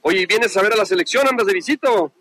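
High, fast man interviewing fans outdoors. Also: sharp tone, rough recording. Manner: brisk, friendly questions. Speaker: street interviewer. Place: outdoors on a busy avenue.

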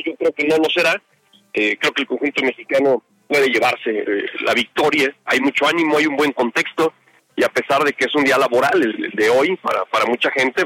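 A man reporting live on sports from a city street, talking in a relaxed, rambling way with plenty of fillers. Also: medium pitch, dry recording, low-quality recording.

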